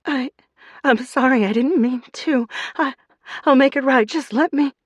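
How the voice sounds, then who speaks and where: Scared hostage woman, pleading, stammering, high and loud, done by a woman. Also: measured pace, no echo. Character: frightened woman held at gunpoint.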